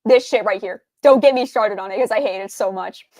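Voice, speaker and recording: A woman's voice: medium pitch, brisk, darkish tone, no room sound. A young adult woman streamer doing game reaction commentary, ranting in an exasperated tone and swearing freely.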